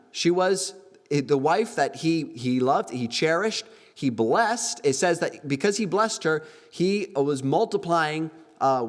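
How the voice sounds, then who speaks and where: A man preaching a sermon as pastor at a church service, in an animated preaching manner that acts out the figures he quotes. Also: medium pitch, long reverb tail.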